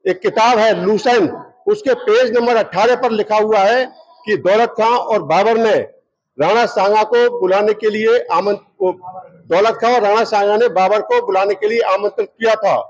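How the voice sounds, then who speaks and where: A man's voice: sits high, fairly even intonation, normal speed, lo-fi sound. A local party leader, a man, giving a press statement to reporters and arguing his case by citing book page numbers. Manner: argumentative, cites book pages as proof.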